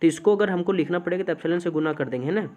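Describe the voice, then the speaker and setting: A man's voice: high-pitched, darkish tone, highs cut off. Man lecturing on physics, questioning the class. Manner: asks the class questions and answers them himself; slows down to dictate definitions. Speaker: physics teacher.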